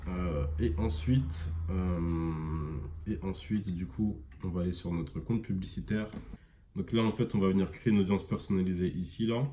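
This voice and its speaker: A man giving a casual screen-recorded software tutorial, rambling with many fillers and self-corrections. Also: deep voice, moderate pace, a little hiss or hum. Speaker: e-commerce tutorial presenter.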